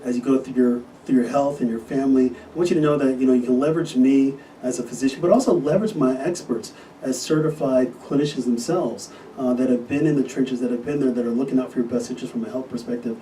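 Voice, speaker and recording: A man, a physician, hosting a casual podcast interview and talking with enthusiasm, often pausing on fillers. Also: mid-range voice, steady tone, warm tone. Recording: distant mic with faint noise.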